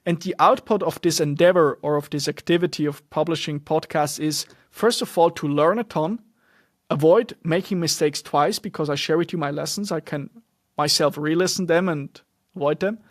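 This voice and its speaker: In a clean studio recording without echo, a young man from Switzerland hosts a solo podcast in English, his pitch fairly high and his speed normal. His first language is German, and his monologue is earnest and loosely organized, full of fillers and restarts.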